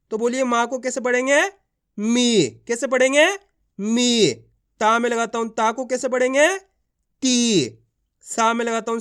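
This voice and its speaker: A man's voice: very high-pitched, a bit bright. A male teacher giving an online reading lesson, sounding words out syllable by syllable and answering his own questions. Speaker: Hindi teacher.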